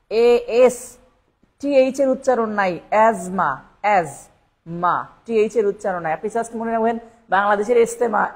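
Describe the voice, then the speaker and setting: A woman teaching a live online English spelling lesson for exam preparation. She repeats each word several times and spells it out letter by letter. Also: on the high side.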